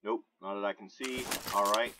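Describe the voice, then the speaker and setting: A man giving casual, excitable commentary while he plays a shooting game, talking to himself into a close mic. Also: lowish voice, normal speed. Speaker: gamer. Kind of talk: gameplay commentary. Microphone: desk mic held close. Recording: noisy home recording.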